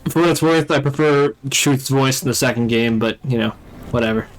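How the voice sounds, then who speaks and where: A man's voice: mid-range voice, fairly quick, low-quality recording. A man giving casual, conversational commentary as a let's play host. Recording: game noise behind the voice. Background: video game sound.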